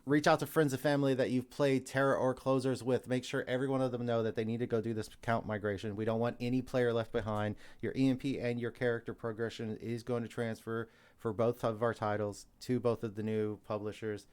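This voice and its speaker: A man's voice: medium pitch, level tone, fairly quick, darkish tone, clean tone. Forties streamer host urging his chat. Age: 40s. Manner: addresses chat directly, urging and emphatic. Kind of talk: live-stream interview. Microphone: cheap desk mic.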